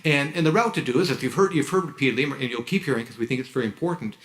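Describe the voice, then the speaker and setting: A man's voice: medium pitch, rapid-fire, a bit bright, rough recording. A man giving a frank advice speech to new graduate students at an orientation, often repeating and restarting his words. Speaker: university orientation speaker. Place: university orientation hall.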